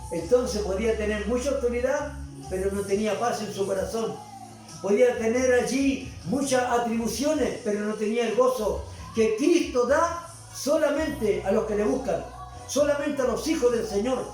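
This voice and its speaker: A woman's voice: a little high, darkish tone. A woman preacher delivering a sermon, repetitive and full of exclamations. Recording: very echoey hall, far from the mic, music behind.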